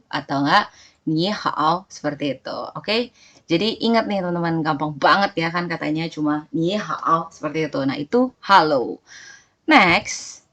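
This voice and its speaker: A woman's voice: lowish voice, highs cut off. Chatty woman teaching basic phrases. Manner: chatty, many fillers, drawn-out example words. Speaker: language teacher. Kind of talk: casual vlog-style language lesson.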